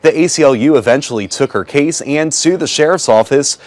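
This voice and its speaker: A man's voice: fairly high pitch, a little fast, a little mellow, dry recording. An American man delivering a scripted television news report as a reporter.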